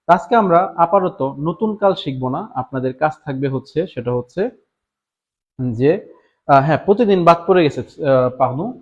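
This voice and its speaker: A man's voice: fairly high pitch, lively intonation, moderate pace, muffled recording. A man giving a live online lesson, patiently explaining French words and repeating each one several times. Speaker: French teacher.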